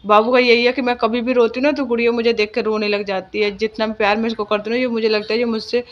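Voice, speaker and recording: Fast-talking woman vlogging at home. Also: fairly high pitch, level tone, dull audio. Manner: talks about her children and chores. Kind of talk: casual home vlog narration. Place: her home.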